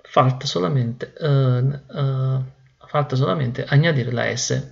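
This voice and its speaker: A man teaching Spanish grammar slowly and deliberately, repeating each word. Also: medium pitch, vocal fry, lo-fi sound. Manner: slow, deliberate, repeats words. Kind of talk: slow classroom explanation.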